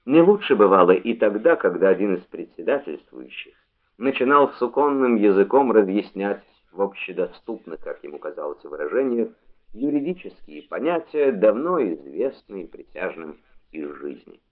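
A man reading a memoir aloud as an audiobook narrator, in a measured literary delivery, on a tinny phone-like recording. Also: lowish voice, very animated.

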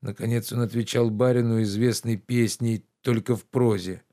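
A man narrating a classic novel aloud in a measured, even storytelling voice. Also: medium pitch. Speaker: audiobook reader. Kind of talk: scripted literary narration.

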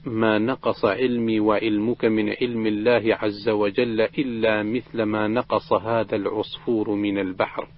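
A man reading a classical collection of prophetic traditions aloud in a steady, measured recitation, voicing the quoted dialogue plainly without acting it out. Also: lowish voice. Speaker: reader of a hadith collection. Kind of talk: recited religious text reading. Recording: dull lo-fi recording.

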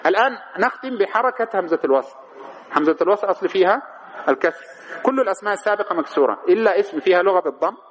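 Quick-talking man teaching grammar. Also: high voice, poor audio. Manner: asks questions and answers them himself; recites verse and quotes in a chanting tone. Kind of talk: classroom lecture on Arabic grammar.

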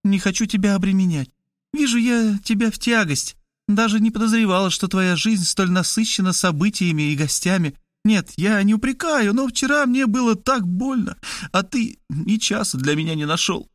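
High plaintive young woman, emotional sister, sighing and pleading, audiobook, read by a man, dry sound. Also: lively intonation, moderate pace, dry recording. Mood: hurt. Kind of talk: audiobook reading.

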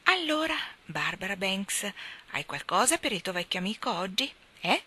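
A woman's voice: medium pitch, sing-song, moderate pace, sharp tone. A woman voicing a petulant, chattering old male starling who fusses and scolds. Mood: coaxing. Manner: fussy, scolding, self-important.

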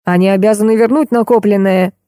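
A cantankerous old woman played by a female audiobook reader scolds and accuses in a grumpy, combative voice. The tone stays mellow and the recording is dry and close. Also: medium pitch, fairly even intonation, a little fast, no room sound, natural voice. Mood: scolding. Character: cantankerous, combative elderly woman, a retired court archive clerk. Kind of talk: audiobook character voice.

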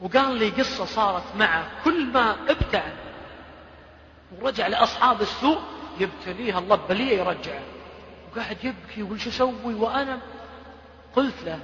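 A high, bright-voiced man preaches at a brisk clip, telling stories and giving the people in them their own quoted words. His voice rings through a large hall with a long tail of reverb, and the recording sounds dull and lo-fi. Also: a little hiss or hum. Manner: emotional, retells stories with quoted dialogue. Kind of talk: sermon storytelling.

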